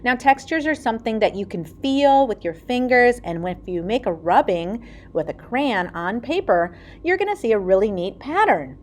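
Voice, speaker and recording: A woman art teacher giving young children a craft lesson in a bright, upbeat kids' presenter manner, explaining step by step and checking in with simple questions. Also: a little high, animated, moderate pace, a little hiss or hum. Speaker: elementary school art teacher. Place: indoors in school stairwell and hallway.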